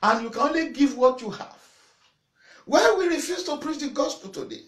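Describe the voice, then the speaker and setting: A middle-aged man preaching to camera, repeating phrases and breaking into loud shouts. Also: extremely high pitch, animated, moderate pace. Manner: forceful preaching with repetition and sudden loud shouts; waves arms and gestures while preaching. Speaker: pastor. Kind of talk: sermon to camera. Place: small indoor church room in front of a banner. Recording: echoey room.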